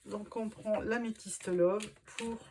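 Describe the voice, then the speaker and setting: Slow, hesitant woman reading tarot. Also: mid-range voice, fairly even intonation, background noise. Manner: hesitant, many filler sounds and restarts; reassuring, addresses the listener directly. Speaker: tarot reader.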